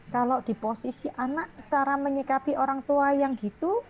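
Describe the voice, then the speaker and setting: A woman's voice: high-pitched, normal speed. A woman hosting a casual talk, asking questions and answering with short agreements. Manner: asks questions and responds with short affirmations. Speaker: talk show host. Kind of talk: casual talk show conversation. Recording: noisy background.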